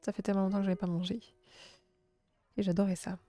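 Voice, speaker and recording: A young woman from south-east France with a southern French accent, chatting gently with her live-stream viewers and filling pauses with hesitations. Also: mid-range voice, little pitch movement, soft background music. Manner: gentle, chatty, many fillers and restarts. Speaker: livestream host. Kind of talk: casual live-stream chat, reading chat.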